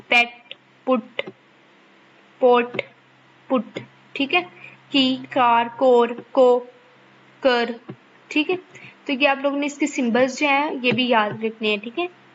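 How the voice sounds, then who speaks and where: A woman's voice: on the high side, fairly bright tone, highs cut off, slight background noise. A woman teacher, explaining a lesson to students and checking in with them again and again. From Pakistan. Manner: keeps checking in with the class, repeats points patiently. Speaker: online course teacher.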